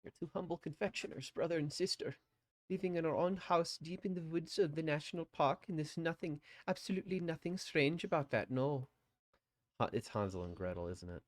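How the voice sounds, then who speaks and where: A man voicing a proud sibling confectioner from the woods in a put-on German accent, reading game dialogue in a theatrical, drawn-out way. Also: on the high side, no echo, pitched above the performer's own voice, natural voice. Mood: grandly earnest. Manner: theatrical, drawn-out storybook delivery.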